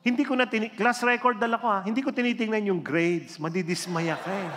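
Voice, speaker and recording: A man, a religion teacher, telling a true story to an audience in an animated, theatrical way. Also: brisk, background noise. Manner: animated, theatrical storytelling with big swings in pitch and loudness. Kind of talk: inspirational storytelling talk. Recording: reverberant hall with faint background music.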